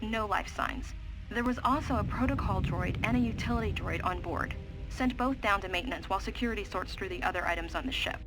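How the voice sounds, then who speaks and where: An actress playing a female medical officer on a mining station, reading brisk, matter-of-fact log entries in a video game. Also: mid-range voice, natural voice, low-quality recording. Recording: game audio under music.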